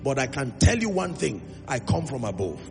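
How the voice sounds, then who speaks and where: A man's voice: mid-range voice, very animated, vocal fry. A Nigerian man preaching a sermon, emphatic, calling out to the congregation and drawing out key phrases. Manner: emphatic, call-and-response, drawn-out phrases. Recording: reverberant hall with music.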